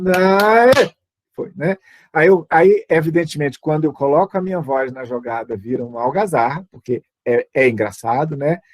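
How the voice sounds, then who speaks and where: A man's voice: a little high, background noise. Chatty man teaching music online. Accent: Brazilian Portuguese. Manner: chatty, lots of fillers and asides. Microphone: video call.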